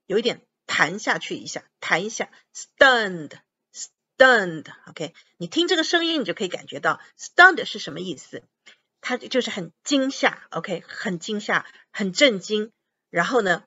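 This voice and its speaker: Woman going over bible verses word by word, bright voice, kinda muffled audio. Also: medium pitch, slightly rough. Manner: explains words, repeats them slowly. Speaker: English Bible teacher. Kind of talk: bilingual Bible lesson. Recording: dull lo-fi audio.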